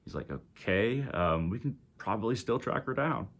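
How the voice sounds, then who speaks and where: A man's voice: fairly low pitch, animated, moderate pace, fairly bright tone. A man with a Texas accent casually retelling a story, rambling with many ums and self-corrections. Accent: Texan.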